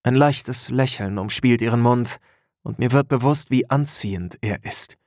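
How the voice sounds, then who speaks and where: A man narrating a story in the first person, measured and introspective. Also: medium pitch, dry recording, studio quality.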